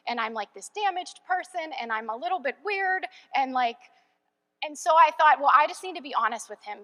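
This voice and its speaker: A woman's voice: sits high, pushed and bright, in a large hall. A young woman sharing her personal faith testimony in a chatty way, with lots of "like" and "um.". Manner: chatty, many fillers like "like" and "um". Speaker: church member sharing testimony.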